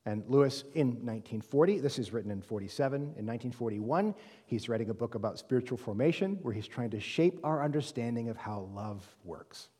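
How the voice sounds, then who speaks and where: Mellow-voiced man teaching in a reverberant hall. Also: medium pitch, expressive, brisk, husky. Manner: conversational, checks in with "right?" and "okay?"; frequent "um" fillers and self-corrections. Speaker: Bible study teacher. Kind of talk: classroom lecture. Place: reverberant room with a live group. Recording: long room reverb.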